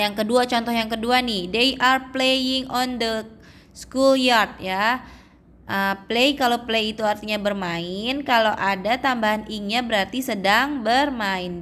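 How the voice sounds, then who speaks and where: A young adult woman teaching English to children, drawing out example phrases slowly and checking in often. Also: medium pitch, a bit bright, a little hiss or hum. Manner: slow, drawn-out reading of English phrases, frequent "ya" checks. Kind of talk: explaining English lesson to children.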